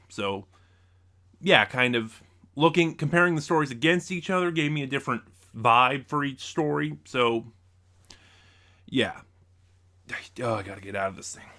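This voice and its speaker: A man with a bright, forceful mid-range voice hosts his own casual review channel. He talks straight to the audience in a conversational, opinionated way.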